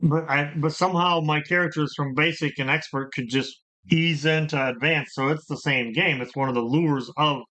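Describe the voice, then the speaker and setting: A man's voice: fairly high pitch, steady tone, normal speed, hardly any pauses, bright, forceful tone. A middle-aged man hosting a casual chat about his gaming past, rambling and repeating words as he tells stories. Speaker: channel host.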